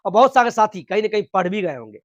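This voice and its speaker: A man from Bihar addresses teaching exam candidates, blending news with earnest, repetitive motivational advice and exhorting them with phrases repeated for emphasis. His voice sits high, with lively intonation and a quick pace. The sound is lo-fi, with no room sound at all.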